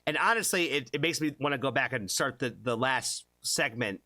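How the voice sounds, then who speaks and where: A man's voice: medium pitch, moderate pace, pushed and bright, no room sound. A young man hosting a music reaction channel, chatting casually and rambling with many fillers and restarts. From born in Japan, left as an infant.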